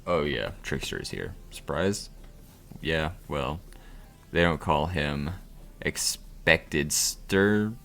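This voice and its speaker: A man's voice: extremely low pitch, expressive, takes it slowly, gravelly, a bit bright, full character voice. A man reading aloud the sarcastic narration of a dating game, with a dry, sardonic delivery.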